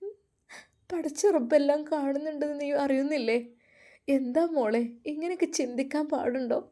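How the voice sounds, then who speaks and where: A woman's voice: high-pitched, moderate pace, warm tone, pitched above the performer's own voice, lightly acted. Woman voicing a pious mother, scolding and tender. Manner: scolding, pleading, emotional.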